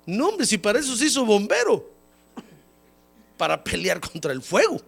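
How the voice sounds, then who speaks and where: A man preaching at a church service, his high voice gravelly and full of swooping pitch. He has a cold and talks in a folksy way, often calling the listener "brother". When he gets emphatic his voice climbs much higher. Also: huge pitch swings, moderate pace, a bit bright, soft background music. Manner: folksy, repeatedly calls listeners "hermano". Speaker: pastor. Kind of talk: sermon.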